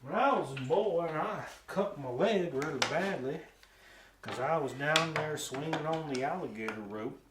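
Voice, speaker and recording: A man's voice: fairly high pitch, expressive, normal speed. A man from the American South with a slight Southern accent, demonstrating woodworking casually and rambling with joking asides. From Southern United States. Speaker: woodworking instructor. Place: woodworking shop. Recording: echoey shop, distant mic, background noise.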